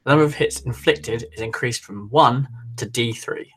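A man co-hosting a podcast who reads out tabletop rules in a brisk, matter-of-fact way. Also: medium pitch, a bit bright. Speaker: podcast co-host. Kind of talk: reading out game rules in casual chat. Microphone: remote call.

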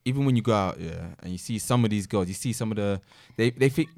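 A man's voice: lowish voice, quick pace, a little mellow. A young man with a London roadman accent, chatting in heavy street slang with friends. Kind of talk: casual group banter, heavy street slang.

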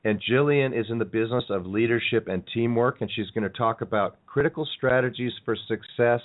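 A male radio host chats with his guest in a friendly, conversational way. He is losing his voice and sounds a little hoarse. His voice comes through a tinny, phone-like line. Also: medium pitch, brisk. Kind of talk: radio interview.

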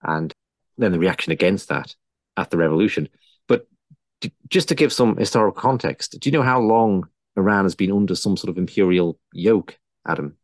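A man's voice: low-pitched, expressive, fairly quick, no echo, studio quality. A man giving historical commentary in a conversational style.

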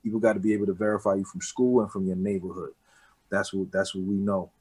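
A man's voice: deep voice, level tone, fast, a little mellow, slightly rough, rough recording. A man in his forties from the Bronx with a New York accent, talking casually as an interview guest, loose and street-casual. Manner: loose and street-casual, with frequent "you know what I'm saying".

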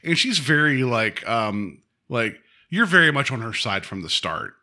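A man's voice: mid-range voice, big pitch swings, a little slow, bright, forceful tone. A man co-hosting a casual podcast chat, rambling and packing his talk with "like" fillers. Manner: rambling, full of "like" fillers, laughs often. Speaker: podcast co-host.

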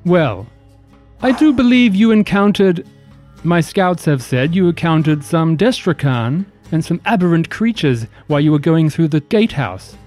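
An imperious dwarf overseer, voiced by a male game master for a tabletop game. He is deliberate, formal and suavely menacing, in a fairly high, mellow voice. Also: animated, close to an everyday voice. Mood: measured, sardonic. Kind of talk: tabletop role-play. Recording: music behind the voice.

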